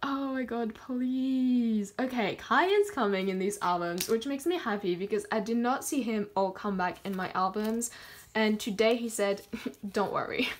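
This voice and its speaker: A woman chatting casually as she unboxes photocards, gushing and excitable, gasping and counting down before each pull. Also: medium pitch, moderate pace. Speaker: kpop collector vlogger.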